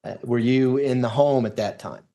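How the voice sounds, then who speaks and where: A man's voice: mid-range voice, moderate pace, warm tone. A man speaks as a lawyer examining a witness in a courtroom. His questioning is formal and orderly, built step by step, in an ordinary mid-range voice.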